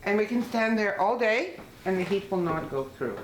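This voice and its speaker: A woman's voice: mid-range voice, lively intonation, moderate pace, a little hiss or hum. A woman from Latvia who presents energy products, speaking proudly and persuasively in a documentary interview, with occasional uhs. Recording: roomy, faint music behind.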